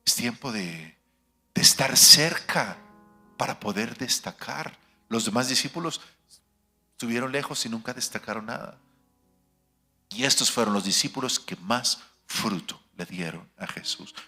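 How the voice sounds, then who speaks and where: Man preaching in church, super bright tense voice, lots of questions to the crowd, faint music behind. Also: medium pitch, moderate pace. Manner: emphatic preaching, rhetorical questions to the congregation; swings between loud declarations and hushed asides. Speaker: pastor. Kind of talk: sermon. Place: church sanctuary.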